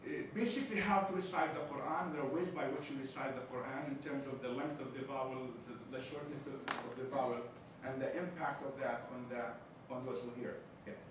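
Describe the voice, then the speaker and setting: Speaking at a medium pitch in an even tone, this university chaplain from Palestine moves fairly quickly and barely pauses, his Arabic accent heavy. He gives a seminar lecture in a lecture room, slipping in jokey, teasing remarks. The audio is echoey, with a far-off mic and noise in the background.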